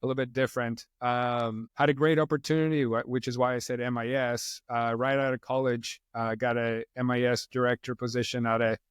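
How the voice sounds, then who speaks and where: Relaxed middle-aged man from Poland. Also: medium pitch, clear, resonant tone, no echo, studio quality. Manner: relaxed, rambling, frequent "you know" fillers. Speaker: podcast guest, company co-founder. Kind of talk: casual interview chat.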